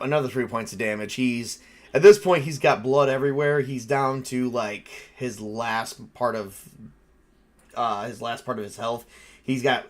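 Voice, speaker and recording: A man with a mid-range voice casually narrates a tabletop role-playing game as game master, excitable and quick to swear.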